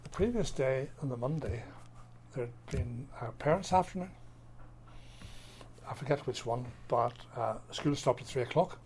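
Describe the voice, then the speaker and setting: An older retired school principal, telling stories in an interview in a halting way, full of restarts and fillers. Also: male voice, mid-range voice, animated, a little mellow, a little hiss or hum. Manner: halting, many restarts and fillers, playful when telling a prank. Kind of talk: interview storytelling.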